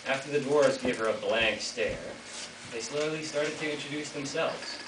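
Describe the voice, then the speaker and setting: At moderate pace, a teen boy narrates a fairy tale for reader's theater, teasing the audience with jokes; his mid-range voice carries a fairly bright tone. The recording picks him up from far away in a reverberant school room or hall, with plenty of noise.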